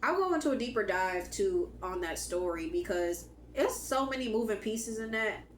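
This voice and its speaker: A woman whose voice is going hoarse gives an emphatic, casual spiritual pep talk to her viewers. She speaks, repeats her key lines and swears now and then. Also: mid-range voice, expressive, moderate pace, reverberant, slight background noise. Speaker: spiritual channel host.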